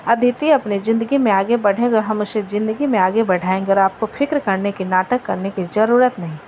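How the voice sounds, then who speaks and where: A woman's voice: mid-range voice, a little fast, close to an everyday voice. A woman voicing a firm, protective young man who answers curtly. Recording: dull lo-fi with faint noise.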